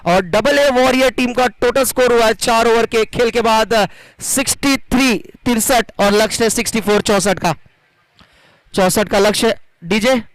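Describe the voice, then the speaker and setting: Male cricket commentator, strikingly high register, theatrical emphasis, dry sound. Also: no echo, low-quality recording. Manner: dramatic, flowery phrasing with drawn-out emphasis. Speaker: cricket commentator and match announcer.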